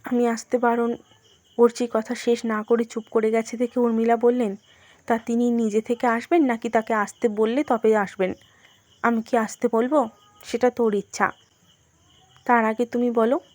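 A woman's voice: fairly high pitch, normal speed, no echo. Woman reading a family drama aloud. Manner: reads every character in one steady voice. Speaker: storyteller. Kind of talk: scripted narration.

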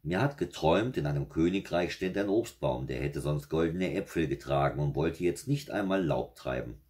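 A man's voice: very deep voice, animated, normal speed, a little mellow. A man reading aloud and voicing the devil's grandmother, a shrewd, kindly old woman who scolds and soothes. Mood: scolding soothing.

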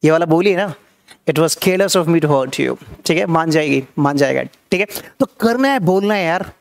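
Indian man, English teacher, high voice, repeats phrases slowly, coaxing students to read along. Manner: explains in Hindi, says English phrases slowly and repeats them. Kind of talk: live online class.

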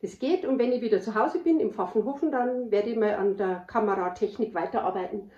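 A woman from the Bavarian Forest with a Bavarian accent, chatting loudly and laughing as podcast host. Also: medium pitch, fairly quick. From Bavarian Forest, Germany. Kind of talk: casual chat. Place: indoors at her parents' house. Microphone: camera microphone. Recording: roomy, dull camera-mic sound.

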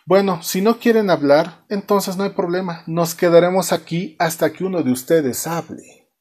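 A man's voice: sits high, moderate pace, a little mellow, slightly rough, pitched above the performer's own voice. A man voicing a nagging cartoon mother who scolds the kids and lectures her husband. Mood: scolding.

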